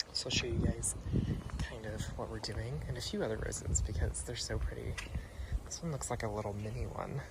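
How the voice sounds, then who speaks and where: A man's voice: lowish voice, creaky. A man giving a casual, enthusiastic tour of a client's garden, gushing over the plants with lots of ums. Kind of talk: casual walkthrough vlog. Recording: loud wind and traffic noise outdoors.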